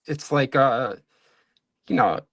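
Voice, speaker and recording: Here the Long Island man with the New York accent takes it slowly, his mid-range voice fairly bright on a dry recording. He rambles casually while painting miniatures for his stream at a hobby desk in his home studio, with many fillers and self-corrections.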